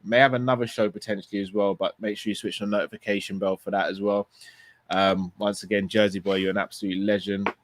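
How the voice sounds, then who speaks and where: Low croaky guy, tired, chilled rambling host wrapping up a stream. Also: quick pace, no echo. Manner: relaxed, thankful, rambling. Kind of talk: casual livestream sign-off.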